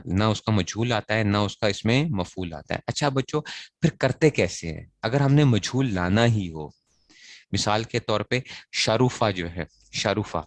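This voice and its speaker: A low-voiced male grammar teacher gives a classroom lecture to his students, recorded dry with no room sound. He poses rhetorical questions and answers them himself, repeats key phrases, and chants verb conjugations slowly.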